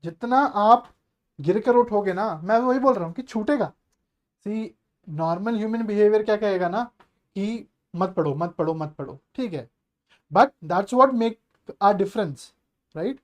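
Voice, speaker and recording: A male maths teacher with a high, unhurried voice delivers an online exam-prep lecture. He is chatty and coaxing, poses rhetorical questions to the class, and blends English terms into his explanations.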